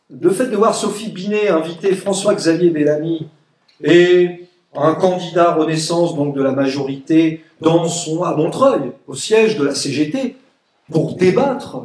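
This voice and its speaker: The speaker, a man of Egyptian origin, has a mellow voice on the high side. Standing before a public meeting in an echoey room, he delivers political remarks full of emphasis and sarcasm, imitating his opponents' voices to make fun of them.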